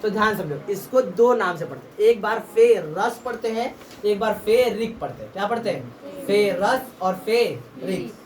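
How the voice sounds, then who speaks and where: A woman's voice: mid-range voice, animated, moderate pace. A woman teaches a class, firing questions at the students and repeating each answer back to them. Her voice comes from some distance in a roomy classroom, with faint noise behind it. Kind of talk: classroom lesson. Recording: echoey room from far off, faint background noise.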